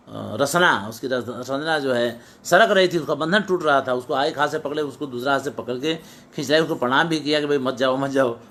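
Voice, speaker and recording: A man's voice: a little high, fairly bright tone. A middle-aged male teacher giving a lecture on Sanskrit poetics, quoting verses and glossing them phrase by phrase, often repeating and restarting words.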